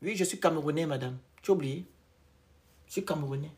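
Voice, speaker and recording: A man hosting a live stream of political commentary, who speaks emphatically and repeats phrases in loud bursts. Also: a little high, brisk.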